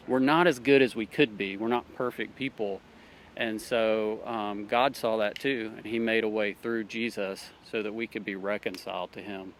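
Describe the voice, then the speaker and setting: A man's voice: on the low side, a little hiss or hum. A man with an Alabama Southern accent, talking earnestly in a casual street interview, with many fillers and restarts. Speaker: interviewee, church worker.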